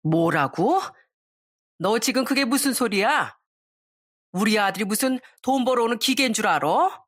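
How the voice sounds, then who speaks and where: A woman voicing a domineering older mother-in-law who yells and scolds in a raised, high voice. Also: expressive, moderate pace. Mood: furious. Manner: yelling, scolding.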